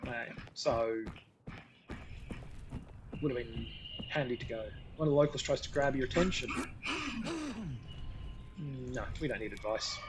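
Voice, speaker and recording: A man's voice: mid-range voice, unhurried, pauses often, noisy background. Dry, sarcastic man reading a game aloud. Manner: dry, sarcastic asides between stretches of read-out text. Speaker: gameplay video host. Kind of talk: playing a digital gamebook and reading its text aloud.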